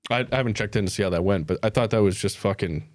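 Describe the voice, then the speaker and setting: A man from Florida with a fairly low voice chats casually on a podcast, relaxed and quick to swear. His voice is recorded close and dry. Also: no echo. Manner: swears often, laid-back. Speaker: podcast co-host. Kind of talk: casual chat.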